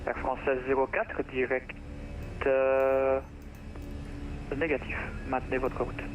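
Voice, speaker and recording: A man's voice: medium pitch, completely flat delivery, a little slow. A man working as an air traffic controller, giving procedural instructions phrase by phrase over the radio. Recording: distant, dull radio with faint noise.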